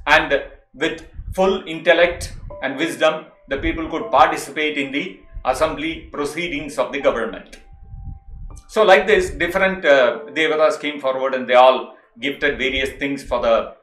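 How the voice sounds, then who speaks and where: A man's voice: fairly high pitch, normal speed, fairly bright tone. A man telling a devotional epic story in an explanatory way, with frequent filler hesitations. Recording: echoey room with faint music.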